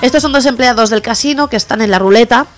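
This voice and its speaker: A woman's voice: fast, faint music behind. Woman telling jokes on local radio. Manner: lively joke-telling, acts out characters with pitch jumps. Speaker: radio comedy host.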